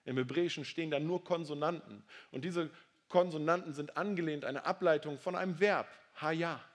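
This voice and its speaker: A man preaching a sermon, swinging between loud, emphatic declarations and soft, low asides.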